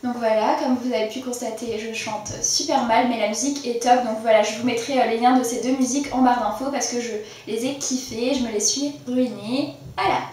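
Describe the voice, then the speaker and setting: A woman's voice: a little high, steady tone, brisk, a little mellow. A young adult woman vlogger chatting casually through her monthly favourites, with frequent fillers and restarts. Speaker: beauty vlogger. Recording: very echoey room, mic set far off.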